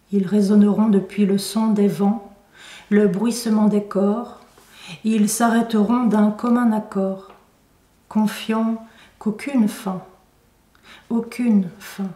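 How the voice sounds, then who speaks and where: A poet reads her own work in an indoor room at a poetry venue, reciting slowly and deliberately with pauses between short phrases. Her mid-range voice has a mellow, dark tone. Recorded from a distance, it carries a roomy echo.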